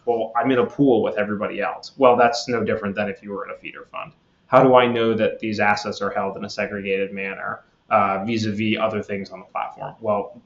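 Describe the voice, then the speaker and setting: Low-voiced man explaining at length. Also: fairly bright tone, echoey room, dull audio. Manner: measured, with many fillers and restarts. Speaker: guest, platform executive. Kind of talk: podcast interview answers.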